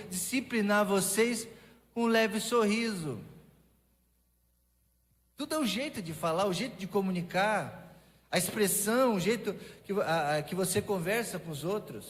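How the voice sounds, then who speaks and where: A Brazilian pastor with a high, light voice preaches in an easy, conversational way, breaking off and restarting as he goes. His words carry a long reverb from the church hall. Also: expressive, moderate pace. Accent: Brazilian Portuguese. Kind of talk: sermon. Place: church sanctuary.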